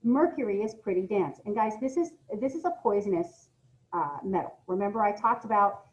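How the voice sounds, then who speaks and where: Fairly quick and animated, this American woman's mid-range voice comes through on lo-fi sound. As a middle school science teacher, she reads a lesson aloud, speaking directly to her students and tossing in casual asides.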